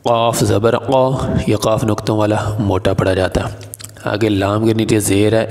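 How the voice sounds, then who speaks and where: A man teaching Quran reading step by step, naming letters and vowel marks and then slowly drawing out each syllable. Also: fairly low pitch, darkish tone, in a large hall. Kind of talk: step-by-step recitation lesson.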